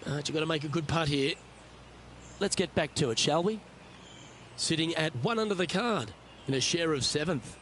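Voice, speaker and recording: A man playing a composed, courteous TV golf anchor, calling play as a golf commentator with measured, polished delivery in a video game. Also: fairly high pitch, expressive, a bit bright, slight background noise. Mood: composed, approving.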